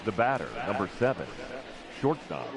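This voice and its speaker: A man announcing players over a stadium PA loudspeaker, stretching each name out slowly and booming. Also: sing-song, very noisy. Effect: heard over a stadium PA loudspeaker. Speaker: stadium public address announcer. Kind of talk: drawn-out player introductions. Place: outdoor baseball stadium. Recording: PA echo from far off over crowd.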